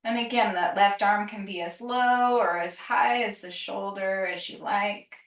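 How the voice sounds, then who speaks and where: With roomy echo and a microphone placed a little far away, a yoga teacher calmly walks listeners through a grounding exercise. Her gentle, medium-pitched voice delivers breath and movement cues very slowly and soothingly, never rushing.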